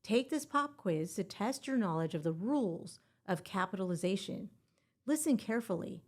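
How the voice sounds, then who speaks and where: A woman's voice: medium pitch, lively intonation, moderate pace, a little mellow. A woman hosting a scripted exam-prep podcast and teaching grammar in a playful, upbeat way with puns.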